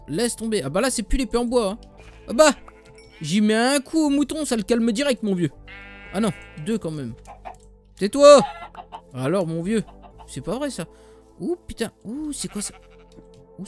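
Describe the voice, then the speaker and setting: A man with a French accent giving casual, slangy Let's Play commentary, talking straight to his viewers and swearing when things go wrong. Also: sits high. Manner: excitable, slangy, swears, addresses viewers directly. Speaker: gaming YouTuber.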